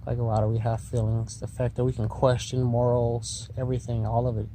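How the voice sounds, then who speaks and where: This vlogger speaks briskly in a mid-range, dark, flat voice while tripping on mushrooms. He rambles through a repetitive, drifting philosophical monologue directed at the listener, recorded amid noisy, vehicle-like ambience.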